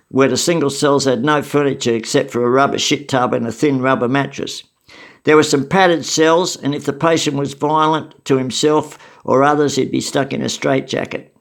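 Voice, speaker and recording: In a mid-range voice with vocal fry, an older Australian man shares memories casually. He is wry and matter-of-fact, telling his past the way one would in a spoken memoir.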